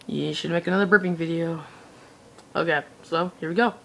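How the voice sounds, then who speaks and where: Creaky higher-voiced man vlogging casually. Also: steady tone, a little fast, a bit bright. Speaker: video creator. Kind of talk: casual amateur vlog chat. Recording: faintly noisy home video recording.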